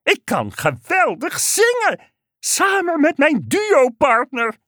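A woman's voice: sits high, huge pitch swings, slow, fairly bright tone, no echo, clean studio sound, voice pushed up, exaggerated voice. A woman voicing a cheerful male frog in a children's story, squealing and exuberant. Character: overjoyed cheerful male frog, always happy. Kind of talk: storybook character voice.

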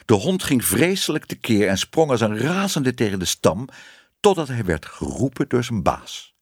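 A man reading a children's storybook aloud, expressive and varied. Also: mid-range voice, normal speed, slightly rough, no echo, studio quality. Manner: expressive reading with many voiced figures. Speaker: audiobook narrator. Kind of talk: scripted storybook narration.

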